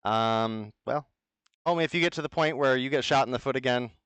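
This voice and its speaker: A man casting an online esports tournament from home, with an energetic, blunt and opinionated way of talking. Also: medium pitch, brisk, clean tone, dry recording. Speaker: esports caster. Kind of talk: play-by-play commentary. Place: at home, remote over the internet.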